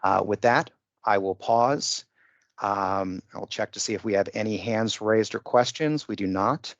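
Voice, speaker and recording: On a bid conference call, a man acting as procurement official gives a formal, methodical rundown of procedures, hammering home the rules. He speaks on the low side and a little slowly, in a dry recording with muffled, dull call audio.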